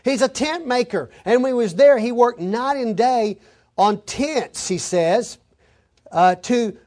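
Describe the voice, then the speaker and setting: A man's voice: extremely high pitch, animated, takes it slowly, darkish tone. A man preaching an expository sermon, reading scripture aloud and then explaining it with folksy stories and asides.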